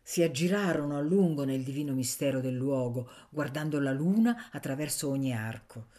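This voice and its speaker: A woman reading a classic novel aloud for radio in a measured, expressive way. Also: very deep voice. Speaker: audiobook reader.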